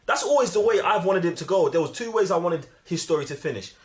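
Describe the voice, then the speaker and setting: This man, also a London-accented film panellist, talks films in a relaxed, excited way, full of slang and repeated words to hammer his points home. He speaks quickly, with a high-sitting, animated voice.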